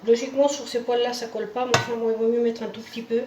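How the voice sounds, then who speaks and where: Speaking rapid-fire in a slightly high, level tone, this home cooking host with a Spanish accent keeps up casual chatter as she demonstrates a dish. She repeats "hein" and "voilà" often and restarts words. Her home kitchen, pan sizzling, comes through as roomy, distant sound with faint noise.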